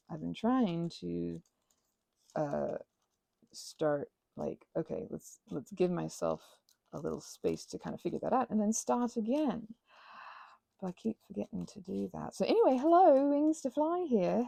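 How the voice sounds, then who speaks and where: This woman hosts a rambling, self-deprecating ASMR craft session, talking casually and frequently letting thoughts trail away. She speaks at a medium pitch with a creaky, dark tone, and there's no echo.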